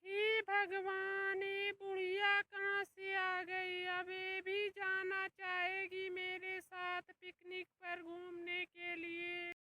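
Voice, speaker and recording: A shrill, troublemaking old mother-in-law in a comedy skit, played by a woman. She drags her words out in a whiny, wailing drone, very high and flat, and loud noise runs under the whole recording. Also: recorded from a distance. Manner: wailing, drawn-out shouting. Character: quarrelsome old mother-in-law who stirs up fights.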